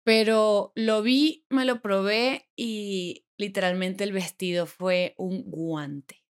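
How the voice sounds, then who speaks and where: Woman, 30s, casual storytelling host, expressive and conversational. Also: mid-range voice, takes it slowly, smooth. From Venezuela. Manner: chatty and expressive, voicing her own inner doubts. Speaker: podcast host.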